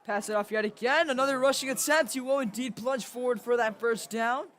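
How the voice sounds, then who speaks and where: A young man calling a high school football game, casual, leaning on stock phrases. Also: fairly even intonation, normal speed, fairly bright tone. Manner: casual, repeats stock phrases like "of course" and "indeed". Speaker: play-by-play commentator.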